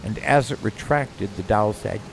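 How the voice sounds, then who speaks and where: A man narrating a spooky childhood story in a measured, suspenseful way. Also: lowish voice, gravelly.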